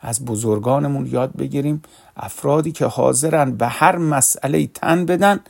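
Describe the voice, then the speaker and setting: A man's voice: medium pitch, gravelly, a little mellow. A man giving a sermon in Persian, telling a moral story in an earnest way and acting out the quoted lines.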